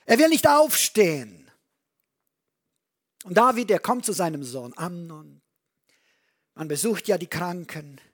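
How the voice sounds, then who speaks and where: Husky preacher retelling scripture. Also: medium pitch, measured pace, pauses often. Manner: animated storytelling, reads out scripture and comments on it. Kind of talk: sermon.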